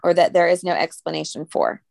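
A young woman co-hosting a casual podcast, rambling through a story with fillers and small laughs. Her voice has a gravelly edge and is recorded dry and close. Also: on the low side, animated, fairly quick, a little mellow, dry recording. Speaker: podcast co-host. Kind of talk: casual chat.

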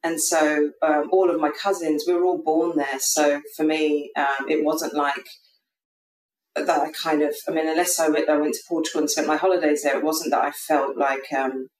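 A London woman in her thirties, a guest in a casual conversation, speaks in a low, flat voice at a moderate pace. She's hesitant and thoughtful, full of ums and soft restarts, and sounds distant from the mic in an echoey room.

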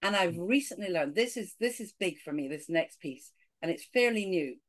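A middle-aged woman from Scotland with a Scottish accent, a podcast guest talking in an animated way and saying "you know" a lot. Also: on the low side, moderate pace. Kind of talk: casual interview talk.

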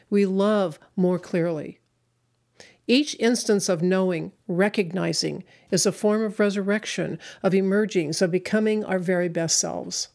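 A woman giving an inspirational spiritual talk in measured, reflective short phrases. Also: mid-range voice, vocal fry, darkish tone. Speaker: spiritual speaker.

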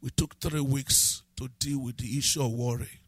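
A man preaching a sermon as pastor, building from calm scripture reading to shouted, sing-song emphasis. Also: medium pitch, normal speed, breathy edge, no room sound.

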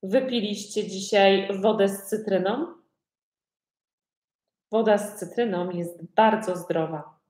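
A woman's voice: mid-range voice, slow, pauses often, darkish tone. A woman teaching a language lesson, asking learners simple questions over and over. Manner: asks learners many simple repeated questions. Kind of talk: slow repetitive language lesson. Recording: echoey room.

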